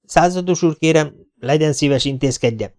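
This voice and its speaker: A man voicing a hard, hostile male agent in an audiobook, gruff and commanding. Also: fairly high pitch, voice pushed up, natural voice. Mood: curt. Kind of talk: audiobook character voice.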